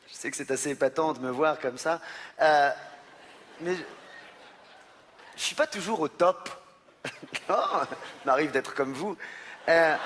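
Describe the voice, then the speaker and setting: A man's voice: on the high side, a bit bright, in a large hall. A man from France hosting a comedy show, joking with the audience in a playful, self-mocking way with hesitant fillers. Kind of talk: stand-up comedy on stage. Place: large theatre stage with audience.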